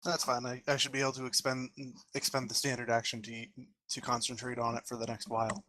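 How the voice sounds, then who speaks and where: A man's voice: medium pitch, monotone, quick pace, sharp tone, a little hiss or hum. A man talking casually as a player at a tabletop game, with a wry manner.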